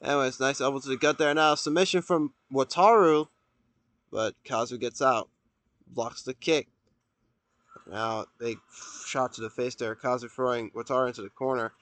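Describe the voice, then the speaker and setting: A man doing play-by-play as a wrestling commentator, with an excitable delivery. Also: mid-range voice, normal speed, no room sound. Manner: excitable, erupts into shouting at big moves.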